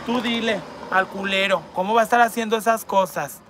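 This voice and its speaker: A man's voice: high voice, fairly even intonation, a little fast, fairly bright tone, slight background noise. A man, reading viewer comments aloud in a campy, crude and teasing comedic chat. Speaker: online entertainer reading fan messages.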